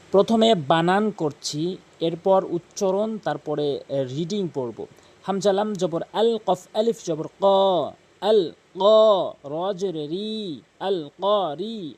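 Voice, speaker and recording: A man with a Bangladeshi Bengali accent teaching Quran reading, spelling Arabic letters aloud and reciting syllables slowly. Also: high voice, darkish tone. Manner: slow, drawn-out recitation of syllables between explanations.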